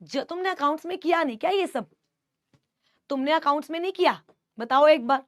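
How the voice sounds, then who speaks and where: A young woman with a high, fairly quick voice teaches a live online class, switching between Hindi and English. She answers student doubts in a tone that is affectionate but scolding. The studio sound is clean, with no echo.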